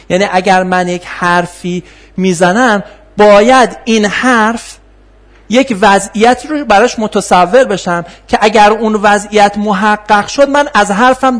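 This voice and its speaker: A man lecturing in a classroom on philosophy of science, explaining with rhetorical questions and filler pauses. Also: high-pitched.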